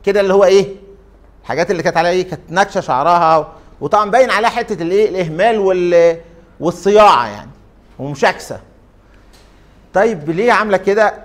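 A man with an Egyptian Arabic accent lectures to a class in a fairly high voice. He keeps tossing questions to the students and drags out his fillers while he thinks. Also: animated, racing. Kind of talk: interactive lecture.

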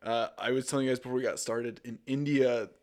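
A man on a podcast as a guest, talking casually with a dry, dark sense of humor. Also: medium pitch, steady tone, quick pace.

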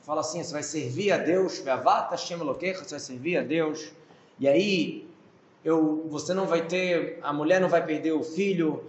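A man with a Brazilian Portuguese accent gives a Torah lesson in a somewhat high voice. He explains Hebrew words as he goes and poses questions, then answers them himself. The sound carries an echo from the room. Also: moderate pace, highs cut off. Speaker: rabbi teaching the weekly Torah portion.

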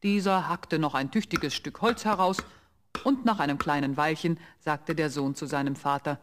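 Man, narrator, scripted fairy tale, even storytelling, somewhat high pitch. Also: normal speed.

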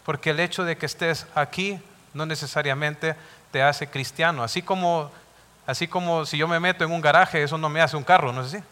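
Male preacher, bright and forceful, emphatic sermon delivery. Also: fairly high pitch, fairly even intonation, fairly quick, clear, resonant tone. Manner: emphatic, rising to loud fervent pleading. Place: church. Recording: long reverb of a church hall.

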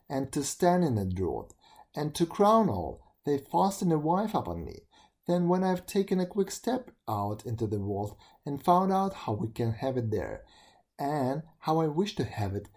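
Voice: mid-range voice, dark tone, lightly acted. A reader voicing a proud, complaining male dung beetle in a storybook reading. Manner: indignant, complaining.

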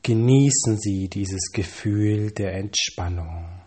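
A man calmly reading scripted guided relaxation instructions, with measured pauses and slow counting. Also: lowish voice, breathy edge.

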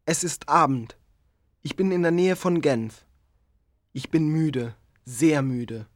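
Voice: medium pitch, slow pace, no room sound, studio quality, natural voice. An actor voicing Frankenstein's lonely monster. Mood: sorrowful. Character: lonely, pleading giant creature made by a scientist. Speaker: narrator of his own story. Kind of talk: storybook audio drama.

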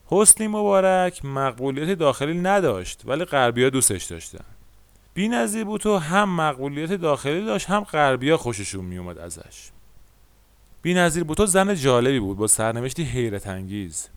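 Male podcast host, Iranian Persian accent, smooth clear delivery, conversational storytelling, very dry close sound. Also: fairly high pitch, sing-song, no echo.

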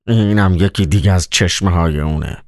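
A man's voice: deep voice, no echo, studio quality. A man voicing a nervous, irritable male accountant in an audiobook. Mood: exasperated. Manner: exasperated, incredulous. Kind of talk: audiobook character voice.

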